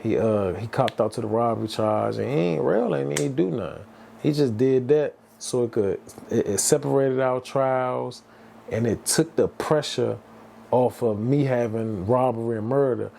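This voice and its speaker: Gravelly-voiced man from the D.C. telling his story. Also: medium pitch, normal speed, dark tone, a little hiss or hum. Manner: loose slang-heavy talk, many restarts and "bruh". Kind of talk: casual storytelling to camera.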